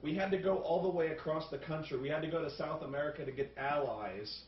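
Animated, profane man hosting a review. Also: fairly high pitch, quick pace. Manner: animated, profane, riffing rants. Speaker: review show host. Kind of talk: casual group film review. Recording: roomy, distant, dull sound.

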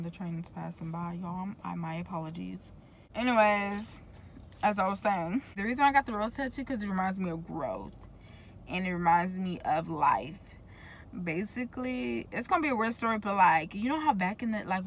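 A woman's voice: medium pitch, fairly bright tone, slight background noise. A young woman with braces chatting casually to the camera in a car, rambling and slangy, often interrupting herself. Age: young adult. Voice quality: talking with braces. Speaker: vlogger. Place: inside a parked car.

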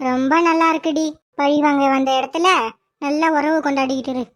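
A woman voicing a teasing, sharp-tongued young woman friend in a cartoon, with a mocking manner. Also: high voice, fairly even intonation, fairly quick, close to an everyday voice.

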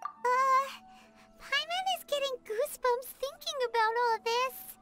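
Squeaky tiny fairy Paimon. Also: female voice, measured pace, over loud music. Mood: curious. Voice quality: squeaky, childlike. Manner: perky, exclaiming, refers to self in third person. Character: tiny excitable female fairy companion, childlike. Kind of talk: cartoonish game voice acting.

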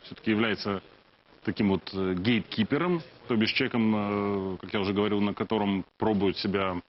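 Lowish-voiced male boxing commentator, noisy feed. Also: steady tone, brisk. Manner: tentative, heavily hedged phrasing. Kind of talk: live conversational sports commentary. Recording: dull broadcast sound, noisy background.

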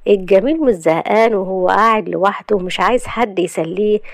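A woman's voice: medium pitch, a little fast, vocal fry, no echo, clean studio sound, lightly acted. A woman voicing a cheeky young man who teases and pesters a woman. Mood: teasing. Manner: smug, teasing.

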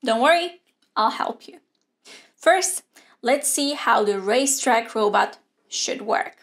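Young woman explaining a robot build, slow and clear, kinda high voice, studio mic. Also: expressive, a bit bright. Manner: clear, measured explaining with hand gestures. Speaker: robotics teacher. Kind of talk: scripted online lesson. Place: indoor studio with a grey backdrop.

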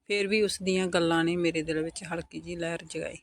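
Soft-spoken woman telling a story. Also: fairly low pitch, steady tone, fast. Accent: Punjabi. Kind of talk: scripted first-person story narration.

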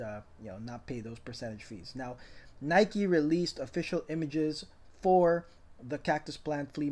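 A middle-aged man who resells sneakers talks over product shots in a loose, rambling voice-over, full of fillers and restarts. His voice sits somewhat high for a man, and he sounds keen and animated about the subject. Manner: rambling, filler-heavy, enthusiastic. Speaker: sneaker reseller and channel host. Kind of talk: casual voice-over commentary.

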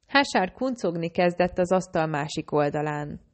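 A woman with a fairly low voice reads an audiobook aloud. She keeps an even storytelling delivery and only lightly shades the characters' lines. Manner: reads all characters in a lightly varied own voice. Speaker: audiobook narrator. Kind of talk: audiobook narration.

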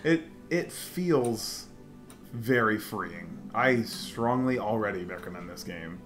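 A man's voice: on the low side, lively intonation, slow, fairly bright tone. Young man chatting while gaming. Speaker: video game let's player. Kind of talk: casual chat while playing. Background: faint game music.

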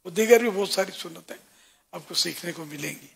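An older man giving religious guidance in a soft voice that often drops to a whisper, stretching out words slowly. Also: sits high. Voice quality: raspy. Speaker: religious scholar answering questions.

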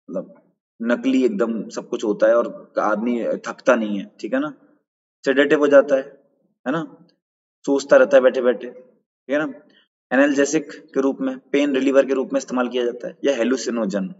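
This man's mid-range voice moves at a moderate pace with fairly even intonation as he teaches a live online quiz lesson. He explains the answers step by step, checks in with viewers, welcomes people in chat and invites their answers. Sound quality is dull and lo-fi, with long reverb.

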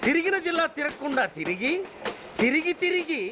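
A grumbling self-pitying sidekick. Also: male voice, extremely high pitch, very animated, fairly quick. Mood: complaining. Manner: self-pitying, rambling complaint. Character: grumbling unmarried man around thirty, sidekick. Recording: dull film audio with background noise.

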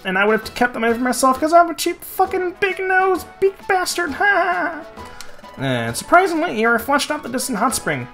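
A man's voice: very high-pitched, very animated, moderate pace, pushed and bright, faint music behind, pitched above the performer's own voice, full character voice. A man voicing a stingy, pompous male bird who loves big words, in a haughty, fussy voice. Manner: haughty, fussy, show-off vocabulary.

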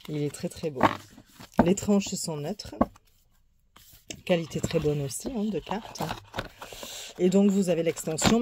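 Background noise sits behind this woman's low-pitched voice as she chats about her tarot decks for YouTube. It's an easygoing show-and-tell review, packed with small asides, filler words and light laughter.

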